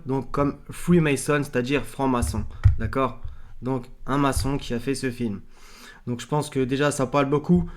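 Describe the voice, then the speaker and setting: A man talks through his ideas in a loose, unscripted way, breaking off and restarting his sentences. He keeps checking in with the listener as he goes, in a voice of ordinary middle pitch. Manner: many fillers and restarts, often asks "d'accord?"; unscripted, halting delivery. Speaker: video commentator. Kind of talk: casual analysis talk.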